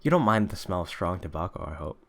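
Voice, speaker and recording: Storybook detective, played by a male reader: proud, eccentric, eager, declamatory, low-pitched male. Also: sing-song, quick pace, fairly bright tone. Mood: affable, frank.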